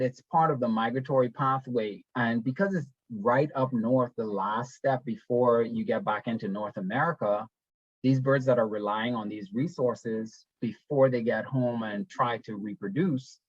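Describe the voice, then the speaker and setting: A young man from the Bahamas giving a webinar presentation over a video call, talking in a relaxed, conversational way with frequent ums and restarts. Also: medium pitch, a little slow, dry recording. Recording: dull, dry webinar audio.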